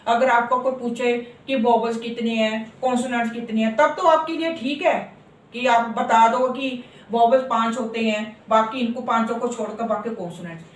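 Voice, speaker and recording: A woman with a somewhat high voice teaches a grammar lesson. She says key words over and over, stretching them out, and keeps asking the listener to agree. She is recorded from some distance in a roomy, echoey space with faint noise behind her. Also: steady tone. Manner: repeats words slowly and asks for agreement. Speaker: English teacher. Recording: echoey room from far off.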